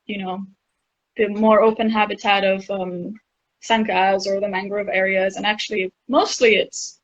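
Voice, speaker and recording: A woman's voice: medium pitch, little pitch movement, normal speed. A woman on a research station's staff, answering questions in a casual live Q&A chat and laughing between points. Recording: dull lo-fi stream audio.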